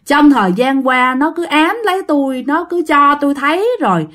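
A woman's voice: sits high, lively intonation, moderate pace, a bit bright. A woman voicing a desperate, weeping mother haunted by a ghost, pleading for help. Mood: begging.

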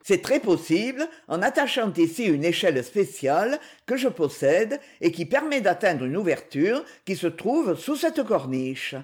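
A man's voice: sits high, sing-song, measured pace, few pauses. A man voicing a stern, commanding male leader who gives firm orders.

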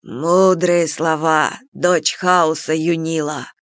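Huge calm male monster, deep and unhurried, solemn, read by a woman. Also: no echo, clean studio sound. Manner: slow, phlegmatic, solemn.

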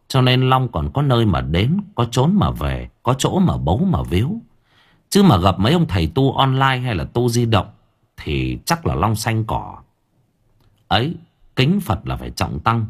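Lively husky male storyteller. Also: lowish voice. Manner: colloquial, wry and lively storytelling. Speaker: audiobook narrator. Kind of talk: storytelling narration.

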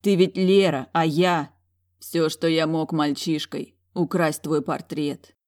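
A woman's voice: deep voice, steady tone, slow pace, a little mellow. A woman voicing a proud young man who pleads earnestly for forgiveness, in storybook narration. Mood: pleading.

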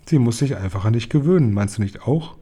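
A man voicing a firm, brisk old grandmother in a storybook reading. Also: mid-range voice, expressive, warm tone, natural voice.

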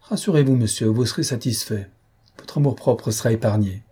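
Proud, calm chevalier, read by a man, firm delivery, husky edge. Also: mid-range voice, brisk. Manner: firm, reproachful. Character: proud young male chevalier, calm and dignified.

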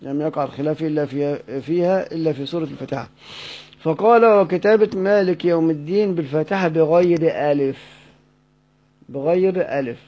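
A man with an Egyptian accent giving a recorded lecture, asking his students questions, answering them himself and repeating the key points. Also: on the high side. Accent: Egyptian Arabic. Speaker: teacher. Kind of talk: recorded lecture explaining a text. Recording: dull lo-fi recording.

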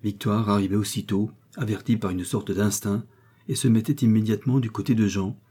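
A man narrates a novel in a measured, steady audiobook reading. His voice is fairly low, dark and mellow in tone, with a husky edge. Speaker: audiobook reader.

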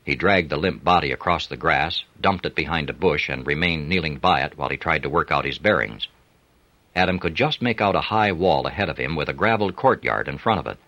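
Deep-voiced man reading a thriller. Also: sharp tone, dry recording. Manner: measured, suspenseful. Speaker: audiobook narrator. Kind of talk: scripted narration. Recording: dry close studio sound.

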